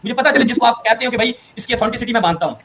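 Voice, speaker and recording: A man's voice: very high voice, a bit bright. A man hosting a religious debate, pressing his opponent with pointed, sarcastic, challenging questions. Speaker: debate host.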